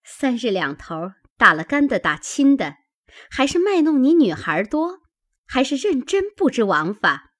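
A woman voicing a gentle young maid who reproaches someone in a classic novel reading. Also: high-pitched, big pitch swings, unhurried, voice pushed up, full character voice. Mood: indignant.

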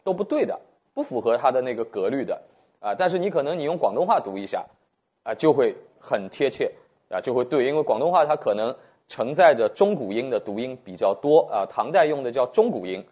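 A man's voice: medium pitch, big pitch swings, a little fast, darkish tone, breathy edge. A man lecturing as a teacher, filling his talk with frequent fillers and restarts. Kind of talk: spoken lecture.

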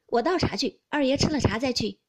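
A woman's voice: sits high, lively intonation, a little fast, darkish tone, slightly rough, heavily acted. A woman voicing an eager young male servant who calls out helpfully, in a classic novel audiobook.

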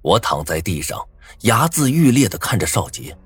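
A man narrating a first-person novel in a dramatic, expressive way, with a husky voice. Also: mid-range voice, normal speed, soft background music. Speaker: audiobook narrator.

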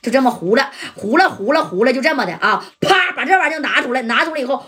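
A woman, telling a gangster tale in lively, colloquial style, often asking listeners questions. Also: high-pitched, fast, slightly rough. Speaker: storyteller.

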